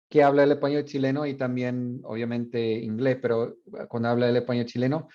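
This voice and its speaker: A university teacher explaining sound changes in a bilingual classroom lecture, mixing in English asides with frequent fillers. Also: male voice, medium pitch, a little mellow, lo-fi sound. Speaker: university Spanish phonetics teacher.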